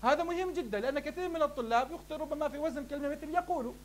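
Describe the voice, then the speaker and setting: A man's voice: very high-pitched, very fast. A man, teaching morphology in a classroom lecture, asking questions and answering them himself. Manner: addresses the class warmly as "beloved ones". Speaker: sheikh teaching Arabic morphology.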